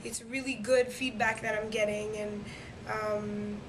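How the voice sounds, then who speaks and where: Speaking at a measured pace with medium pitch and little pitch movement, this young singing competition winner from Montreal, Quebec, is eager in her interview answers, full of fillers and restarts. French is her first language. Background noise is noticeable throughout.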